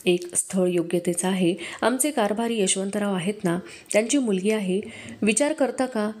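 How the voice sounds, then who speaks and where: A woman reading the lines of a drunk, arrogant male clan chieftain who mocks and shouts. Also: medium pitch, moderate pace, close to an everyday voice. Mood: scornful. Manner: mocking, scornful, shouting.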